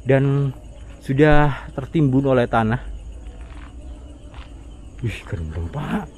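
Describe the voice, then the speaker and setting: A man with an Indonesian accent doing a casual, halting exploration vlog outdoors at night, talking to his viewers in murmured asides and exclamations. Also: mid-range voice, expressive, darkish tone. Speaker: vlogger exploring an abandoned site at night. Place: outdoors in overgrown wooded area at night. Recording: outdoor night noise, insects.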